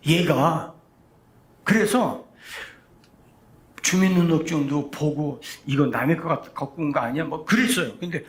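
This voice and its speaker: A man preaching from the pulpit with a high, bright voice that leaps up and down with every turn of his story. He swings from near-whispers to loud cries and keeps asking his listeners questions. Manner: animated storytelling, swings from hushed to shouting; asks the congregation questions. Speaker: pastor. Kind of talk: sermon.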